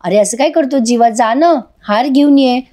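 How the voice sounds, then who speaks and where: A woman's voice: high voice, normal speed, dark tone, pitched above the performer's own voice, close to an everyday voice. A woman reading a protective mother's lines aloud in a TV serial review, urging her son.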